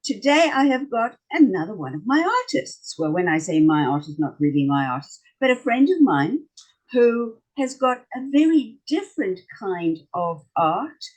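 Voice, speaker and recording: A woman's voice: medium pitch, darkish tone, rough recording. A woman with a South African accent hosting an interview over a video call and chatting as she asks questions. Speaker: host. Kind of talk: interview chat.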